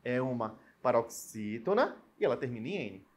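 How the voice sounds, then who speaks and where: A man's voice: mid-range voice, big pitch swings, normal speed, breathy edge. A man teaching a recorded grammar lesson, explaining rules step by step and checking in with his students. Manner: explanatory, repeats and stretches out example words; checks in often with "né?" and "beleza?".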